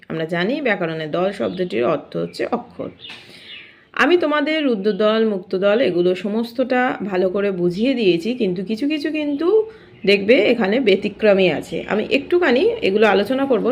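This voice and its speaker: A young woman teaches grammar to schoolchildren. She works through each exercise step by step, patient and explanatory. Her voice sits at a middle pitch. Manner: explains step by step, often saying "dekho".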